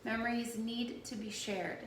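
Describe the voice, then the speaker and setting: Woman reading a tired wise old man, calm and firm, kinda far off in an echoey room. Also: a little high, a little slow, noisy background, natural voice. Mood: grave. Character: wise weary old man, keeper of memories.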